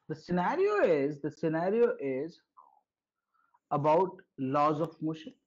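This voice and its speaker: A man with a North Indian accent teaching physics in a live online lesson, often checking understanding with short tag questions. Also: fairly high pitch. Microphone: online video call. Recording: dull, lo-fi online class audio.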